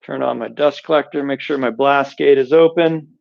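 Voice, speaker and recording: A man's voice: mid-range voice, fairly even intonation, normal speed, gravelly, muffled recording. A man hosting a casual live stream from his workshop, chatting to viewers through a headset mic while he works. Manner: rambling, chatty, talks to viewers while working. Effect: livestream headset mic audio. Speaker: knife sharpening host. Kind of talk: casual livestream chat.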